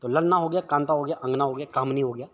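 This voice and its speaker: A man's voice: medium pitch, quick pace, dull audio. A man teaching exam prep questions, who keeps asking rhetorical questions and answering them himself.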